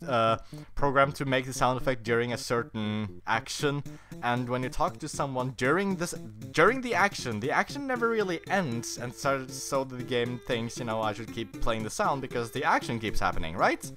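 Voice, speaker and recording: A man's voice: mid-range voice, lively intonation, normal speed. A man giving casual, rambling commentary while playing a video game, chatty and full of fillers and self-corrections. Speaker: let's player. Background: game music.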